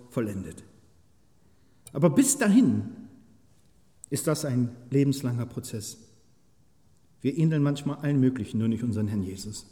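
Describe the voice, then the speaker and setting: A man preaching a sermon with passion, moving from quiet, searching questions to loud, pleading outbursts and putting questions straight to his listeners. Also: mid-range voice. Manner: impassioned, swings from soft to loud shouting; asks the listeners many direct questions. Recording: long hall reverb.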